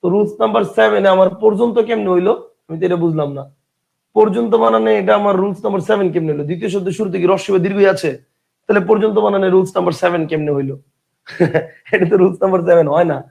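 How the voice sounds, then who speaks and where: A man's voice: high voice, fast talker, creaky, darkish tone. A man teaching an online grammar class, repeating key phrases, quizzing students and reading out viewer comments.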